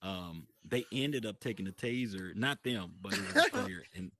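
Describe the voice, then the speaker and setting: A man's voice: medium pitch, wildly swooping pitch, moderate pace, bright, forceful tone. A man casually telling a long story in a voice chat, full of restarts and fillers. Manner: rambling, many restarts and fillers. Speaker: guest describing his virtual world.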